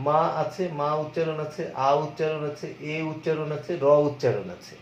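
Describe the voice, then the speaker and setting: A man's voice: mid-range voice, a little mellow, slight background noise. A man from Bangladesh, a college lecturer, explaining step by step and answering his own questions. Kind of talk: lecture on pronunciation. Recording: echoey, muffled room recording.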